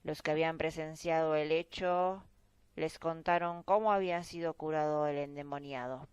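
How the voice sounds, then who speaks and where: Low-voiced woman reading scripture. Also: smooth, no room sound, rough recording. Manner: slow, measured reading. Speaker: Bible reader.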